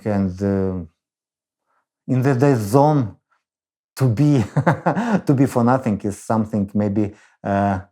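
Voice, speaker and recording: A veteran high-altitude climber speaks in an interview, in English that is not his first language. His voice is dark and mellow, and he talks in a halting, philosophical way, repeating words as he goes.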